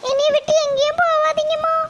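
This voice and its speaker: A woman's voice: extremely high pitch, little pitch movement, quick pace, very noisy, voice pushed up. A woman voicing a little granddaughter in a cartoon, in a tiny childlike voice. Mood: pleading. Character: little granddaughter missing her mother.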